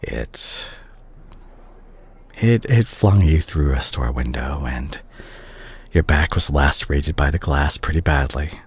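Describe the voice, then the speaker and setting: An extremely low, breathy male voice carries this exaggerated performance of a caring doctor and former boyfriend full of remorse. Speaking directly to the listener in a halting, confessional way, he sounds gentle and grave.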